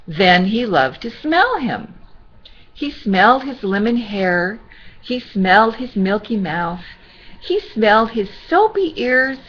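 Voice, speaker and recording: A sweet, gentle grandmother reads a children's storybook aloud slowly, adding reassuring, chatty asides to a child. Her medium-pitched voice is very animated with a breathy edge, and the recording sounds muffled.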